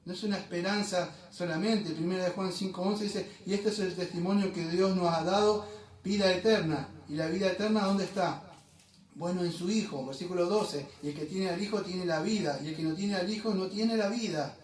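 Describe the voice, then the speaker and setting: Speaking a little fast in a high voice, a pastor gives an emphatic sermon full of rhetorical questions. He's in a church sanctuary, captured distantly with heavy room echo.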